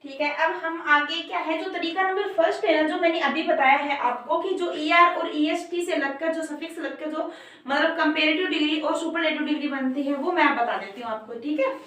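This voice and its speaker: High-voiced woman teaching in echoey room. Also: fairly even intonation, a bit bright. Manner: repeats "ठीक है" and asks rhetorical questions, slows down to spell out examples. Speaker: English grammar teacher. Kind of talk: lesson explaining grammar. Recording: very echoey room, voice far from mic.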